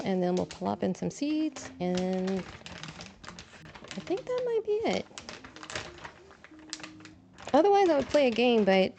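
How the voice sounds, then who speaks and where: A woman's voice: medium pitch, creaky, background noise. A young woman streaming from her balcony, chatting in a rambling, self-deprecating way as she plants seeds. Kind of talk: casual chat. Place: home balcony. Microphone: desk mic, braids brushing it. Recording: dull lo-fi sound with faint music.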